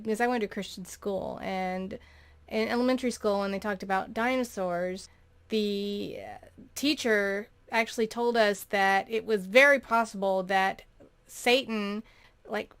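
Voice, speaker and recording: A woman's voice: a little high, fairly bright tone, smooth. A woman, hosting a show where she reads funny stories aloud and adds wry, chatty comments. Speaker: podcast host reading stories.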